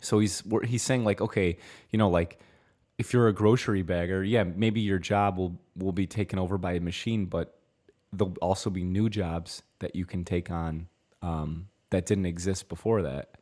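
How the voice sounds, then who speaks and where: A man's voice: low-pitched, steady tone, moderate pace, darkish tone. A man co-hosting a podcast in casual chat, laid-back with dry teasing. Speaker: podcast co-host.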